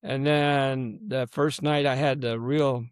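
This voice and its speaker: A man in his seventies, a guest in an interview, recounting personal stories in a halting way that sinks to a near-murmur at grim moments. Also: mid-range voice, fairly even intonation, smooth, no room sound, studio quality. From United States. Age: 70s. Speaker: guest, combat veteran.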